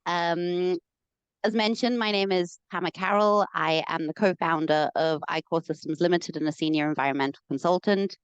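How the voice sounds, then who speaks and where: A young woman from South Africa with a South African accent, an environmental consultant giving a friendly, measured online presentation with frequent "um" fillers. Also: fairly low pitch, smooth, no echo. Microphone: video call. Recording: dull, dry webinar audio.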